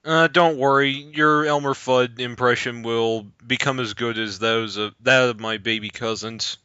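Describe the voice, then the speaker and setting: A man calmly narrating his own play in casual gameplay commentary. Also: medium pitch, measured pace, clear, resonant tone, no echo, lo-fi sound. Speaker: let's play host playing the game.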